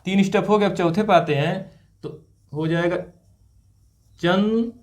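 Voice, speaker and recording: A man's voice: sits high, a little slow, darkish tone. A man teaching Hindi grammar in class, asking questions and checking understanding with short "right?" prompts after each point. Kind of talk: classroom lesson with call-and-response.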